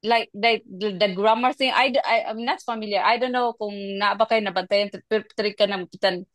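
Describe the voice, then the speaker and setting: A woman's voice: mid-range voice, moderate pace, no room sound. A woman with a Filipino accent, a teacher chatting casually on a podcast and acting out classroom exchanges with her students. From Philippines. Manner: animated storytelling, acting out classroom exchanges with laughs. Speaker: teacher sharing her experience.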